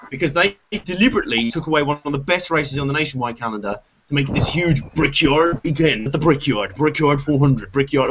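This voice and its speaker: Hosting a laid-back motorsport chat show via video call, this British man rambles and jokes at his own expense in a chatty way. His mid-range voice has a fairly bright tone, and the lo-fi audio sounds slightly dull with a faint hiss.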